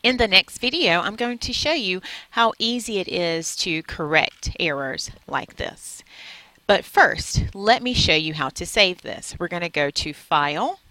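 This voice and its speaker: A woman walks through a software tutorial at her computer, speaking into a headset microphone. Her voice is bright and sits a little low, and the sound is dry and close. She explains each step plainly and patiently. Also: lively intonation, a little slow, no room sound, rough recording. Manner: clear, step-by-step instructional delivery. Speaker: teacher demonstrating software. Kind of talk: screen-recorded tutorial. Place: at a computer, indoors. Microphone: USB headset microphone.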